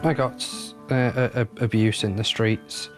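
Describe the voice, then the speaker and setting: A British man of thirty speaking seriously, with some halting starts. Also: mid-range voice, level tone, music in the background. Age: 30s.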